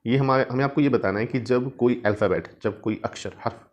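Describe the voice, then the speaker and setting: A man's voice: medium pitch, lo-fi sound. Man teaching phonics in Hindi and English. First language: Hindi or Urdu. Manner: mixes Hindi and English, repeats each point in both; sounds out letters slowly and drawn out. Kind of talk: spoken English lesson.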